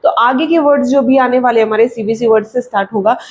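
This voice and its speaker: A woman teaching phonics for young children to parents, modelling vowel sounds slowly and repeating each question and answer with frequent check-ins. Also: fairly high pitch, darkish tone. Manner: stretches sounds slowly when modelling them. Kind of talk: instructional lesson for parents.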